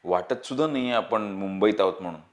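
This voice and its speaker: A man reading the part of a calm, curt young man. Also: lowish voice, a little fast, lightly acted.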